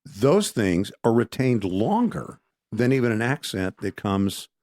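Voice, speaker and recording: Guy chatting on a podcast, lowish voice, dry close sound, kinda rambly. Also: sing-song, measured pace, darkish tone, no room sound. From Texas. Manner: rambling, restarts often. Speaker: podcast co-host. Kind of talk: casual conversation.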